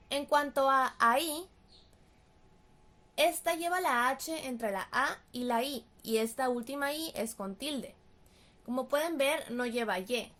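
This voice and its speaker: A woman with a Mexican Spanish accent and a high voice leads a writing workshop. Her delivery is scripted and explanatory, clear and careful, and she slows down to spell out examples. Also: a bit bright. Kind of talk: scripted teaching narration.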